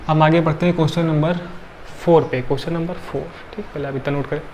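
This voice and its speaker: A tired man teaches chemistry in a fairly high voice. He works step by step, counting aloud and checking in with the class often. A faint hiss sits under the recording. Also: fairly even intonation, fast, darkish tone. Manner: counts atoms aloud, frequent checking tags. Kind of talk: classroom lecture.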